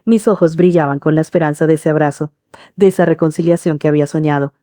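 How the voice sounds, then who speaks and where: A middle-aged woman reads a first-person story in a calm, earnest manner. Her voice is low and dark-toned. The recording is close and dry. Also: fast, no room sound. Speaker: narrator. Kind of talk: scripted first-person narration.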